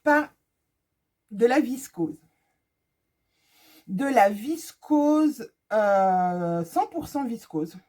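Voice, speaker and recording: A woman's voice: fairly high pitch, lively intonation, drawn-out words, long pauses, a little mellow. A woman chatting casually to her viewers in a sewing fabric haul vlog, joking as she shows each fabric, recorded on her phone. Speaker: sewing vlogger. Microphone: phone camera.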